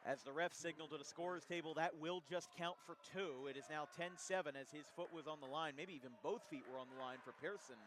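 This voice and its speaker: A man calling a college basketball game play by play, his calls rising sharply on made shots and settling into steady stat reading between plays. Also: on the high side, fast, hardly any pauses, slight background noise. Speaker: play-by-play commentator.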